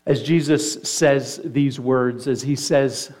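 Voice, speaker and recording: An earnest male pastor delivering a sermon at a mid-range pitch. He retells scripture like a vivid story, and his voice falls low and quiet whenever he stresses the weight of a point. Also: steady tone, slow pace. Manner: earnest preaching that drops low and soft for emphasis.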